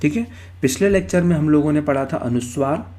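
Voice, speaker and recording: A man's voice: a little high, a little fast, warm tone. A male Hindi grammar teacher giving an exam-prep lecture, explaining step by step, repeating key terms and asking and answering his own questions.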